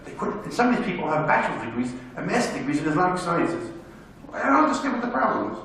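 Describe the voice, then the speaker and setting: A man's voice: high-pitched, quick pace. New guy preaching, emphatic, tells stories, voice bounces around a big echoey hall, faint hiss. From United States. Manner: animated, emphatic, rhetorical questions. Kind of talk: public talk with storytelling. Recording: echoey hall, speaker distant from mic.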